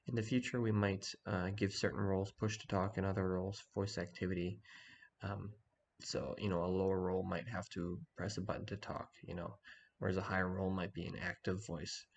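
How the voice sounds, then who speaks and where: A man talking quietly in the early morning so as not to wake anyone, giving a casual screen-share walkthrough. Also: deep voice, slight background noise. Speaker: online community organizer giving a tutorial.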